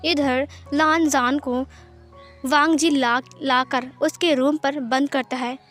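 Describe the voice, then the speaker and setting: A woman's voice: high-pitched, fairly even intonation, takes it slowly, fairly bright tone, soft background music. Woman reading a fan story aloud. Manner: plain storytelling with many speech tags. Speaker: narrator.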